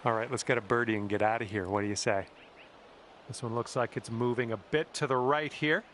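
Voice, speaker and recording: A man's voice: medium pitch, steady tone, brisk, fairly bright tone. A man giving golf commentary, speaking to the player in short, encouraging observations. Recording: crowd and ambient noise behind. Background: crowd ambience.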